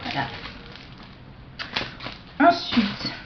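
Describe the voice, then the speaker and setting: A woman showing off a shopping haul to her viewers in a casual show-and-tell, hesitant, with many fillers and self-corrections, slipping into soft asides. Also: heavy background noise. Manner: slow, chatty, drops into soft asides. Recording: dull lo-fi home video sound.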